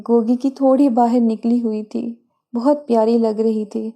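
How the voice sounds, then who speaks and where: A woman narrating a first-person story at an even, unhurried pace and reading out the dialogue. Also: on the high side.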